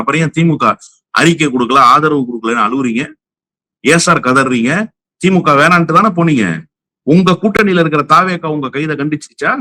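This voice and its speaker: A man's voice: mid-range voice, bright, forceful tone, no echo. A man with a Tamil accent giving heated political commentary as an interview guest, combative and firing rhetorical questions.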